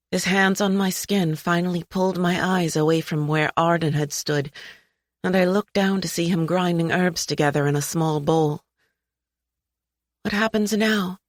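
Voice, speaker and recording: A woman reading a first-person story aloud in a soft, emotional way. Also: lowish voice, steady tone, moderate pace, no room sound, studio quality. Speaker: narrator. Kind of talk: first-person audiobook narration.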